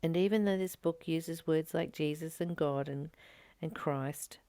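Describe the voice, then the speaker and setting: Slowly and meditatively, a woman reads a spiritual text and adds her own remarks, dropping to soft whispers for emphasis. Her voice sits low, and there's no echo.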